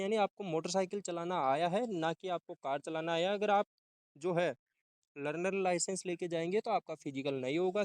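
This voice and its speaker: A young man walks viewers through a recruitment notice in a casual teaching style, now and then restarting his words. His voice is smooth and clear, pitched slightly high, and recorded dry and close with no room sound. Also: no echo. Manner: informal, repeats and restarts words while explaining. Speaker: exam-prep YouTuber. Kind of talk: explaining a job notification.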